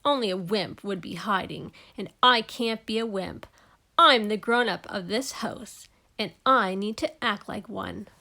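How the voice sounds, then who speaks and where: A woman's voice: medium pitch, unhurried, vocal fry, bright, forceful tone. A woman voicing a plucky, lonely young boy in a storybook, with earnest, childlike phrasing. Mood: determined.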